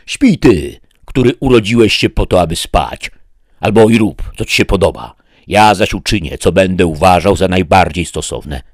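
A man voicing a proud, stubborn knight who declaims loudly and solemnly. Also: sits low, lively intonation, measured pace, no room sound, studio quality. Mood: indignant.

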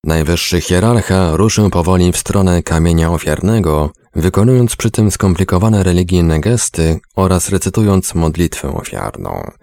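Deep gravelly male storyteller. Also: animated, moderate pace, few pauses, warm tone, no room sound. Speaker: narrator. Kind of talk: storybook narration.

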